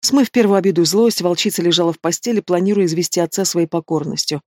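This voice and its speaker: An expressive audiobook reader narrating a fantasy story, with a mid-range pitch. The recording is dry and close, with no room sound. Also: fast, dry recording. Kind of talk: scripted narration.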